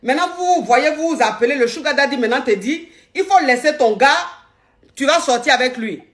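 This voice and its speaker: A woman's voice: high-pitched, expressive, fairly quick, fairly bright tone. A woman hosting a live call-in advice stream, playful and repeating her phrases.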